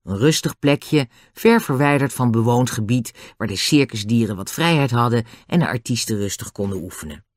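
A narrator reading a children's storybook aloud with expressive, animated narration. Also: medium pitch, normal speed, dry recording, clean studio sound. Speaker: audiobook narrator.

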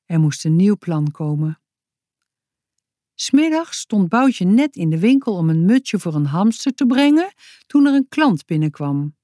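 A woman author reading her own children's story aloud, slow and expressive. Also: on the low side, no echo, studio quality.

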